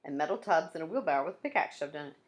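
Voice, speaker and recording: A woman with a low voice reads a children's chapter book aloud as a teacher, tossing in friendly asides to her young listeners. She sounds animated and talks very fast, though the audio quality is poor.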